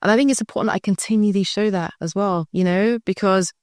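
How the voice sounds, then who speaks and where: Speaking quickly in a medium-pitched, somewhat dark voice, a school founder from the United Kingdom responds as a guest to an interview. She has a British accent, reflects conversationally, and frequently makes sure the listener follows her. The audio is studio quality with no room sound.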